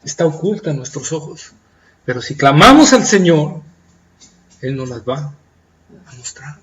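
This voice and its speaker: A man with a Latin American Spanish accent preaching a sermon, swinging from loud pleading cries to soft hushed tones and acting out the pleas of the faithful. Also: fairly high pitch, very animated, a little slow, rough recording. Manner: acts out pleading voices of the faithful.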